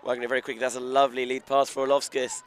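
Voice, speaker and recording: Rapid-fire and mid-range, with little movement in pitch, a man's voice follows a frisbee match in live play-by-play. Flowing present-tense calls rise with each play, recorded outdoors by a sports field amid crowd and traffic sounds.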